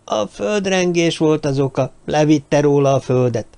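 A man's voice: fairly high pitch, expressive, creaky, darkish tone, clean tone. A man voicing an eager, self-important dwarf who spreads news. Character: young dwarf man, know-it-all and gossipy.

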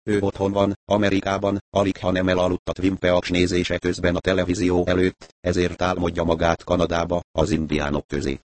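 A man narrates an audiobook with a very low, deep voice. His reading is steady and even. The sound is close and dry, with no room around it. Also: dry recording. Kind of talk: scripted narration.

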